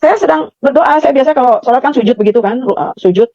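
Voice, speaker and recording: A woman's voice: high voice, quick pace, dry recording, highs cut off. A middle-aged woman giving an earnest personal testimony, repeating phrases for emphasis. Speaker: testimony speaker.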